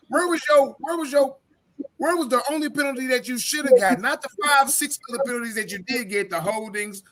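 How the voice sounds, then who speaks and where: A man's voice: very high-pitched, bright, forceful tone. A man co-hosting a sports podcast, ranting with profanity and stammering restarts. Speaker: podcast co-host. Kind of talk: heated sports talk.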